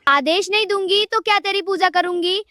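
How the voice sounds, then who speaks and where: This is a nagging, quarrelsome old mother-in-law, voiced by a woman for a cartoon comedy. Her voice sits extremely high and piercing, and she keeps on scolding and taunting. It is recorded dry and close, with no room sound. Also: moderate pace, sharp tone, no echo.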